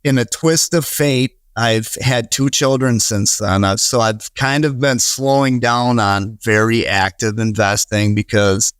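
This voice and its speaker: A bit bright, clear and resonant, the medium-pitched voice of this thirtysomething Wisconsin investor stays fairly even, a little slow, with hardly any pauses in a dry recording. He's a earnest, rambling podcast guest who keeps restarting and using fillers.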